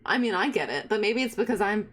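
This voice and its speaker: A woman's voice: mid-range voice, lively intonation, fast, a bit bright. A young adult woman streaming a game, chatting expressively and swearing freely. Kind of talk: game commentary.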